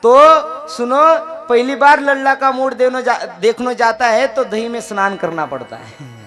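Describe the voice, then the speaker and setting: A cheeky young cowherd lad, teasing and coaxing with a playful lilt, as a male preacher puts him on. The voice is very high for a man, with devotional music clearly heard behind. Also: expressive, a little slow, a bit bright, exaggerated voice.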